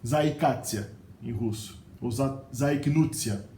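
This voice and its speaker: Speaking slowly in a mellow mid-range voice, a middle-aged Brazilian Portuguese-accented man teaches vocabulary in a casual video lesson, with a little hiss or hum. He's chatty and keeps adding a questioning "né?", and the room gives an echoey sound with faint ambience.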